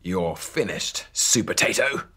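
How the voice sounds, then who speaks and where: A man's voice: rumbling low, a little slow, pushed and bright, slightly rough, exaggerated voice. A man playing a sneering villain pea. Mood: taunting. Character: cheeky, naughty little green villain pea, male.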